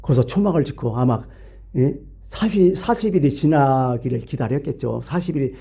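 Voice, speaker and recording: Male preacher in church, animated storyteller, husky tone, rhetorical questions. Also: mid-range voice, normal speed. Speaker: pastor. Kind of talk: sermon.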